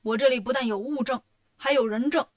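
A woman voicing a stern male prefect who scolds and accuses in a loud, indignant way. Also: high voice, fairly quick. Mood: scolding.

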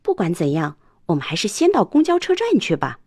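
A woman's voice: lowish voice, huge pitch swings, a little fast, a little mellow, husky, no room sound, clean studio sound, heavily acted. A woman voicing a polite, anxious young schoolboy in a children's storybook reading, earnest and pleading. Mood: eager.

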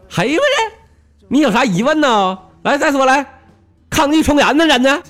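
A man voicing a brash male suspect from Jinzhou, with a Northeastern Chinese Jinzhou accent and a shrill, rising, sing-song delivery. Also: animated, normal speed, a bit bright, slight background noise. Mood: brash defiant. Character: brash Jinzhou man under police questioning.

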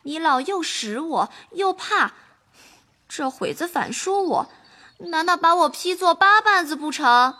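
A woman's voice: extremely high pitch, expressive, unhurried, sharp tone, heavily acted. An actress voicing a put-upon young maid girl who protests in a pleading tone. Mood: protesting. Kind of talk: audio drama acting.

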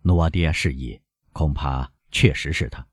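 A man narrating an audiobook in an expressive, dramatic way. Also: a bass voice, moderate pace, slightly rough, dry recording, studio quality.

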